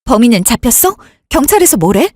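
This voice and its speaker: A grieving, agitated elder sister, played by a woman in a radio drama. Her fairly high voice leaps about as she insists. The recording is close and dry. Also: sing-song, fairly quick, darkish tone, slightly rough, dry recording. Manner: insistent, worked up, pushing to call police. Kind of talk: Korean radio drama acting.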